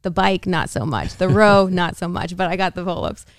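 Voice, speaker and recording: An American woman with a slightly low voice, chatting on a podcast and telling a story with lots of energy. She acts out quoted lines and laughs easily. The sound is close and dry, with no room echo. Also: normal speed. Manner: animated, laughs often, acts out quoted dialogue. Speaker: podcast co-host. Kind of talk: casual storytelling chat.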